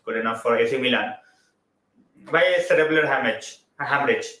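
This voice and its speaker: A man's voice: mid-range voice, brisk, pushed and bright, roomy sound, poor audio. Chatty Indian-accented man on a live stream. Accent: Indian English. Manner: chatty, mixes Hindi into English, reads out and greets viewers by name. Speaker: football live-stream host. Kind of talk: casual live-stream chat.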